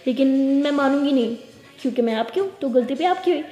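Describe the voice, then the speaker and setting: Woman doing teasing young woman, playful, dark tone, echoey reverberant room. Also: sits high, lively intonation, fast talker.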